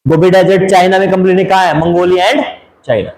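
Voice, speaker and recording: A man teaches geography from a map for exam students, asking rhetorical questions, drawling and repeating place names, and mixing in English phrases. His voice is high and a little mellow with fairly even intonation and a brisk pace, recorded poorly in an echoey room.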